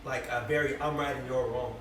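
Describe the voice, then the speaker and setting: A man's voice: mid-range voice, steady tone, a little fast, fairly bright tone. A man in his twenties with a Bay Area accent, a rapper guest talking loosely and reflectively, full of fillers. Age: 20s. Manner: loose, reflective, many fillers and "you feel me". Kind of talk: casual interview chat. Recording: echoey room, distant mic, noisy.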